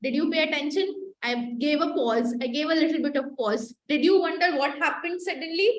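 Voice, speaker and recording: A high-voiced young woman teaches communication skills to a live online class. She is emphatic and repetitive, urging her students again and again to type their answers in the chat. Her voice carries a roomy echo over faint background noise. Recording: echoey room with faint noise.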